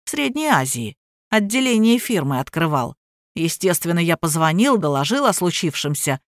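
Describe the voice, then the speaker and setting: Stolid driver, calm and plain, low lowered voice, as a woman reader puts him on; dry sound. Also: no echo. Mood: wry. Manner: unhurried, matter-of-fact, colloquial. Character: stolid male chauffeur, calm and plain-spoken. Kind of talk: audiobook character voice.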